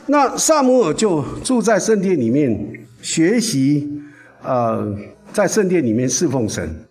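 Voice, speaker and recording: A male pastor preaching a sermon, telling a Bible story in an animated way. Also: a little high, measured pace, soft background music.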